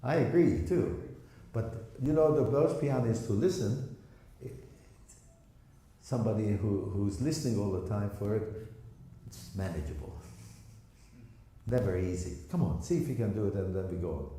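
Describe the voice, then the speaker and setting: A man's voice: on the low side, animated, moderate pace, long pauses, dark tone. A man teaching a piano masterclass, explaining with demonstrative, jokey remarks and singing phrases on syllables. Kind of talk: masterclass coaching. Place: recital hall. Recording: very echoey hall with faint piano.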